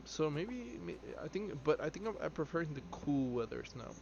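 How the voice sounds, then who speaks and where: A man's voice: fairly high pitch, very animated, moderate pace, darkish tone. A twenty-two-year-old man chatting casually on a live game stream, rambling with lots of fillers as he answers viewers. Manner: rambling, filler-heavy, answers chat offhand. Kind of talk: casual live-stream chat while playing. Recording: slightly dull audio with clear background noise.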